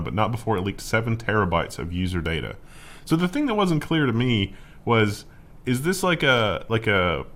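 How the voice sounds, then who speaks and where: A man's voice: lowish voice, a bit bright. A man co-hosting a casual tech news chat, reading headlines and adding jokes. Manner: reads headlines, then jokes. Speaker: co-host.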